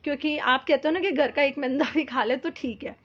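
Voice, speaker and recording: Woman, high-pitched, earnest, halting, filler-heavy, devotional testimony, muffled lo-fi sound. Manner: earnest, halting, many fillers, mixes Hindi with English words. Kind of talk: personal spiritual testimony.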